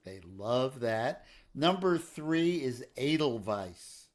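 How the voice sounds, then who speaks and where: A middle-aged New Yorker co-hosts a casual podcast, joking around playfully about music and breaking into humming. A pianist and songwriter, he speaks slowly in a mid-range, animated voice.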